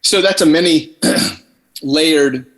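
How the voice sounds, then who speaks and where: Over a computer on a video call, a Philippine-raised podcast guest chats casually, speaking extremely slowly in a voice on the high side with a fairly bright tone. He's thoughtful and long-winded, frequently starting his sentences over.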